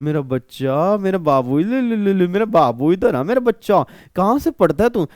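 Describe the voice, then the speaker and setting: A man's voice: high voice, very animated, normal speed, no room sound, studio quality. A man doing a doting father. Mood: fond. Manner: soft, coaxing. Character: doting middle-aged father coaxing his son.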